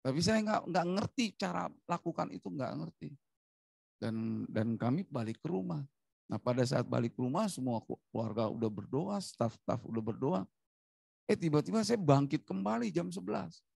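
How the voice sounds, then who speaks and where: An Indonesian man in middle age preaches with a rough, gravelly voice. He delivers his testimony animatedly and keeps turning to the congregation. The sound is dry and close, with no room echo. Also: a little high. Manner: animated, frequently addressing the congregation. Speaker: evangelist preacher. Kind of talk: sermon testimony.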